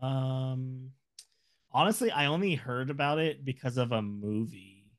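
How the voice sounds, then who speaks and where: A man's voice: medium pitch, measured pace. A man in his thirties co-hosting a casual tabletop podcast, joking around. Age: 30s. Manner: jokey, puts on silly voices. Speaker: podcast co-host. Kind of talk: casual chat.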